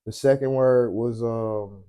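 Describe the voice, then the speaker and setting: A man's voice: medium pitch, fairly even intonation, slow pace, mellow, clean tone. A man hosting a casual late-night chat, tired and rambling, often searching for words. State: tired, yawning. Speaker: podcast host.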